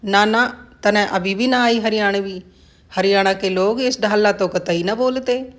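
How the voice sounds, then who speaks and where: A woman's voice: medium pitch, unhurried, lightly acted. A blunt old village man, played by a woman narrator, teases in rustic speech. His talk is earthy and mocking, in the manner of a told folk story. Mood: teasing.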